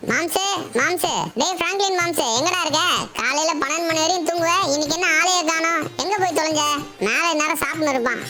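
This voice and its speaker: Shinchan, a cheeky squeaky boy. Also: fast. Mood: grumbling. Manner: chatty, scolding and exclaiming. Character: cheeky little boy, mischievous and bold. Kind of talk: game role-play voice acting. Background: loud game music.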